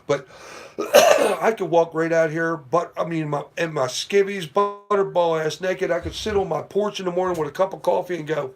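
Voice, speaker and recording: A man's voice: fairly high pitch, normal speed, faint music behind. A middle-aged man hosting a casual late-night live stream from home, telling rambling, profane stories with lots of "you know.". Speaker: livestream host. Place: at home near porch, at night.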